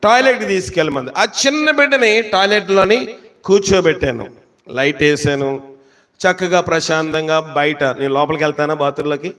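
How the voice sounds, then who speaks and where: High-voiced man preaching a sermon. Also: a bit bright. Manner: preaching with rhetorical questions and slow emphatic scripture quotes. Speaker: pastor.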